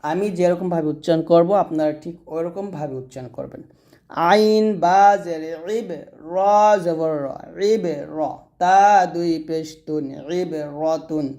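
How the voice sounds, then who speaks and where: A male teacher drills pronunciation at a very slow pace, sounding out each letter and vowel. His voice sits slightly high for a man, with a dark, mellow tone. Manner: slow, syllable-by-syllable drilling with brief asides. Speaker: Quran recitation teacher. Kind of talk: spelling-out pronunciation lesson.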